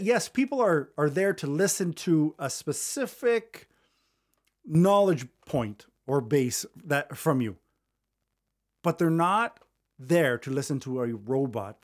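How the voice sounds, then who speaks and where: A man hosting a solo podcast from a small studio, talking fast and conversationally into a studio microphone. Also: on the high side. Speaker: podcast host. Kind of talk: solo podcast advice talk.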